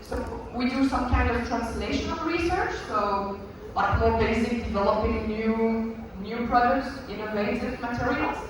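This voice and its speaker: A man's voice: very high voice, unhurried, few pauses. A man from Belgium with a Belgian French accent, whose first language is French, giving a conference talk with many fillers and restarts. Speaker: lecturer. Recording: echoey hall from far off, noisy.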